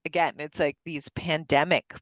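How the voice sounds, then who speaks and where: This woman's voice sits low and fairly bright, holding a steady tone at a normal speed, with no room sound. She's hosting a virtual book club on a video call, keeping the group talk casual and chatty, full of fillers and restarts, all captured in dull, lo-fi call audio.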